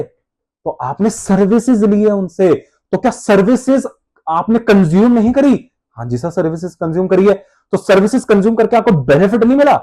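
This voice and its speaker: Animated high-voiced teacher. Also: male voice. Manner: animated, addresses students as beta, plays student answers himself. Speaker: accounting teacher. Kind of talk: classroom lecture.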